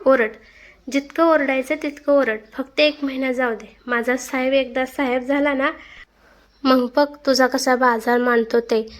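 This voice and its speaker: A woman voicing a menacing young male thug who speaks crude threats in a low, hard voice. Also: fairly even intonation, measured pace.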